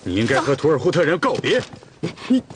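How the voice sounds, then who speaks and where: A man's voice: fairly high pitch, sing-song, a little fast, slight background noise. An actor playing a dutiful young Torghut man who tends the khan's horses, in a period TV drama, firm and reasoning. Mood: exasperated. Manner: firm, reasoning, at times soothing. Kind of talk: television period drama acting.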